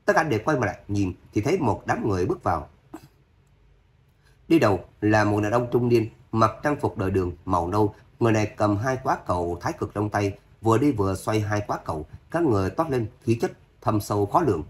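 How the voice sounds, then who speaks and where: A man narrating an audio novel in a steady, dramatic storytelling manner. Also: fairly low pitch, brisk.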